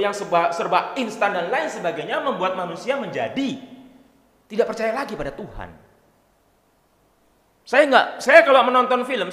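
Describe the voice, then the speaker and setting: Lively, joking male priest preaching. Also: high voice. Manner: lively, joking storyteller, often addresses the congregation. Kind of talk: sermon. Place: church. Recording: echoey church hall.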